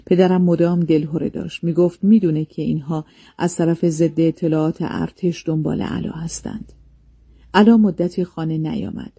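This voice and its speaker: Husky, dark-voiced male narrator. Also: fairly high pitch, dry recording. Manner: calm, measured reading. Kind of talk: scripted narration of a memoir.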